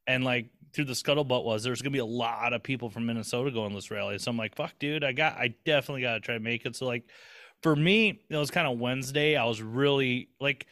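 A podcast co-host chats casually, rambling, swearing offhandedly and restarting often. His mid-range, slightly bright voice moves at a quick pace, and the recording is dry with a clean studio sound.

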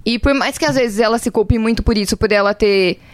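A woman's voice: fairly high pitch, a little fast, no echo. A young woman, talking casually in a heartfelt, earnest way, close to tears. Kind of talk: casual chat.

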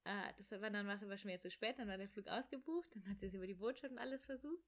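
A young woman in casual chat, telling a travel story in an animated way and acting out the voices of people in it. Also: mid-range voice. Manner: animated, rushed, acts out quoted voices. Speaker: storyteller guest.

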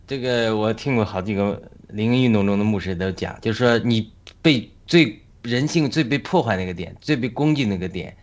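A man hosting an online Bible discussion, speaking haltingly with many fillers and repeats. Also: on the low side. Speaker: host.

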